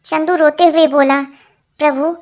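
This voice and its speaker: A woman reading out a string of jokes, lively, voicing each character in turn. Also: sits high, measured pace. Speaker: joke teller.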